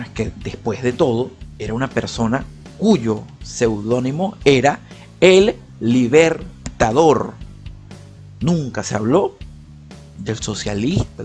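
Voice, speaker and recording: A man's voice: mid-range voice, gravelly, darkish tone. A young man from Venezuela with a Venezuelan Spanish accent, giving casual opinion commentary in a conversational way, often restarting his sentences and dropping slangy asides. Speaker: political YouTuber.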